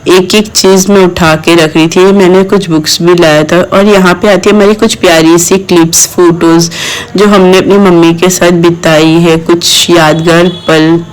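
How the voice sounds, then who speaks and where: A woman's voice: fairly low pitch, flat delivery, moderate pace, rough recording. A woman vlogger and mother narrating a family vlog voice-over, talking straight to her viewers in an emotional, fond way. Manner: keeps addressing viewers directly, emotional and fond.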